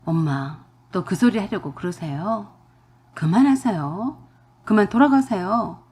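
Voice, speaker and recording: A woman's voice: medium pitch, animated, measured pace, a little mellow, breathy edge. A woman voicing an irritated young husband who is curt and dismissive, in a storybook radio drama. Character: irritated young husband, man, sides with his mother.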